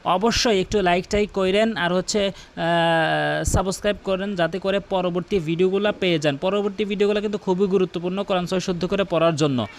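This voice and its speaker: A man. He explains each rule quickly and repeats correct and incorrect pronunciations side by side. He then recites the verses slowly, drawing the sounds out. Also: high-pitched, steady tone, slight background noise. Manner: repeats right and wrong pronunciations for contrast. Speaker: Quran recitation teacher. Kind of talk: tajweed lesson with recited examples.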